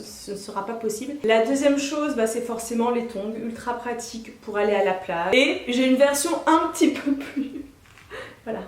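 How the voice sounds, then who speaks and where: A woman's voice: fairly high pitch, slight background noise. A young woman chatting casually to her viewers as a vlogger, bubbly and often laughing. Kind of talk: casual shoe haul chat. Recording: echoey room.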